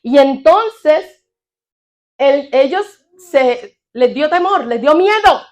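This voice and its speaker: A woman with a high voice preaches a sermon. She is animated and keeps putting questions to her congregation. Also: slow, highs cut off. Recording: audio of a sermon.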